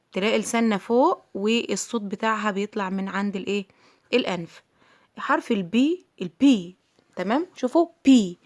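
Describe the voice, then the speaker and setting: Teaching young pupils their English letter sounds, this middle-aged woman speaks in a mid-range voice with an Egyptian Arabic accent. She goes through each sound patiently, repeating it and checking in with the children along the way.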